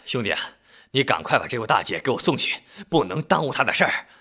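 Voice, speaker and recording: Guy doing gruff middle-aged repair guy, brash and loud, voice swings a lot, audio story. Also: mid-range voice, very animated, quick pace, full character voice. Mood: earnest. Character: blunt gruff middle-aged male bike-repair vendor.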